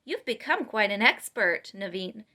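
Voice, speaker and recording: A woman's voice: mid-range voice, animated, measured pace, bright, forceful tone. A woman voicing a cheerful, generous young princess from a children's storybook in an upbeat, inviting manner. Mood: playful.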